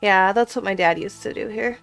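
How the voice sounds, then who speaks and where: A woman voicing a thoughtful, polite young animal boy in a story game, gentle and earnest. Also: mid-range voice, fairly quick, creaky, distant mic, faint music behind, lightly acted.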